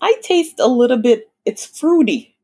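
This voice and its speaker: Female co-host, husky and lively, easygoing, laughs often. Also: on the high side, a little slow. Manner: chatty, laughs often, agreeable. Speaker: podcast co-host. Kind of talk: casual chat.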